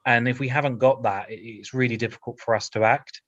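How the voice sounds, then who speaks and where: A man's voice: mid-range voice, fairly even intonation, fairly quick, a bit bright, no room sound, lo-fi sound. A male councillor speaking in a council committee meeting, hesitant, often repeating words, with light humour.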